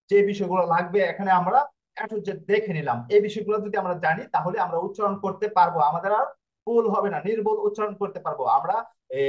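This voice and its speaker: A man's voice: sits high, lo-fi sound. A man teaching Italian pronunciation in an online class. He explains in a repetitive way and keeps checking with his students.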